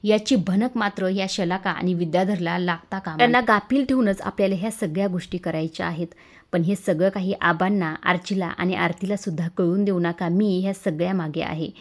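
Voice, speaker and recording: A woman's voice: fairly low pitch, brisk, lightly acted. A woman voicing a worried but commanding male head of a household in a TV serial recap. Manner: firm and commanding.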